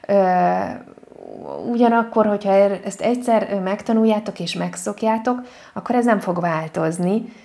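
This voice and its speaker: A woman French teacher giving an online lesson, patient and repeating each example word slowly. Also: mid-range voice, dark tone.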